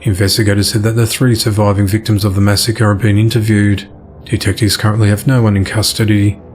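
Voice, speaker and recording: A man reading crime news from a script in an even newsreader delivery. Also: on the low side, brisk, slight background noise. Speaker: news reader.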